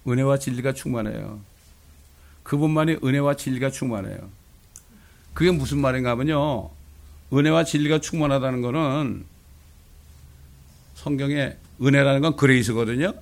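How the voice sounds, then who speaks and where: A man's voice: medium pitch, normal speed, vocal fry, long pauses. A male pastor preaching a fiery, blunt sermon, with coarse insults thrown in.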